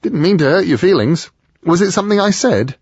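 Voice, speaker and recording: A man voicing an amiable, posh middle-aged Englishman who talks in a smooth, chatty way with hesitant fillers. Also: sits high, expressive, a little fast, a little mellow, dry recording, lo-fi sound, pitched above the performer's own voice, full character voice. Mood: apologetic charm.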